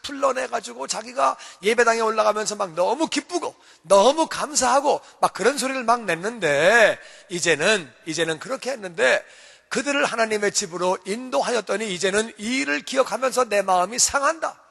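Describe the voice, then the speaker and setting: Pastor guy preaching, high voice, bright and sharp, big echoey church hall. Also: animated, brisk, gravelly. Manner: emphatic preaching, repeats phrases for stress. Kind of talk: sermon.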